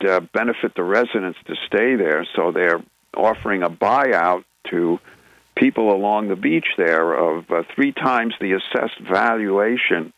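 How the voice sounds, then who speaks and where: Very deep gravelly man on radio. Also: a bit bright, no room sound, dull audio. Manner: rambling, with many restarts and filler sounds. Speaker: radio show co-host presenting news segments. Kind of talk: casual radio chat.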